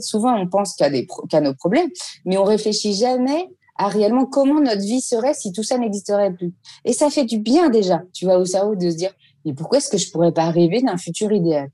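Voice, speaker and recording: A woman teacher casually explaining a mindfulness exercise step by step, pausing often to search for words. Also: mid-range voice, expressive, mellow. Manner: explains step by step with frequent hesitations. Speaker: teacher giving mindfulness advice.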